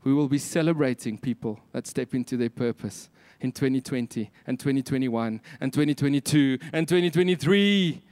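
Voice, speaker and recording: A man's voice: medium pitch, moderate pace, few pauses, a little mellow, smooth, no echo. A man with a South African Afrikaans accent preaching a sermon, emphatic, with repeated phrases and rhetorical questions.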